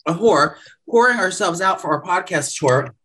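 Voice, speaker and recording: A man's voice: sits high, lively intonation, pushed and bright. A man co-hosting a podcast in casual chat, rambling and chatty, heard over echoey remote call audio from a small office conference room. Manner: rambling, chatty, quick talk with restarts. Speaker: podcast co-host.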